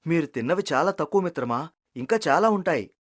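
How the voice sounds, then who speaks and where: A voice actor playing a humble, kind-hearted young village man in an animated story, gentle and pleading. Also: medium pitch, brisk, close to an everyday voice. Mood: grateful. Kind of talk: storybook cartoon voice acting.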